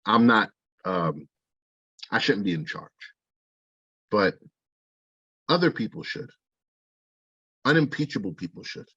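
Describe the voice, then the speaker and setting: Husky, blunt, profane man. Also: fairly low pitch, very animated, slow pace, pauses often, bright, forceful tone, no echo, muffled recording. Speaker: digital artist interviewee. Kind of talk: casual interview talk.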